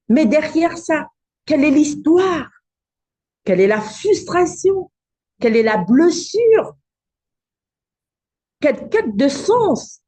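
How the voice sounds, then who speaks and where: A woman's voice: sits high, mellow. A woman coaching a live online workshop, direct and encouraging, asking her audience rhetorical questions. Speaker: cosmetics business coach hosting a live challenge.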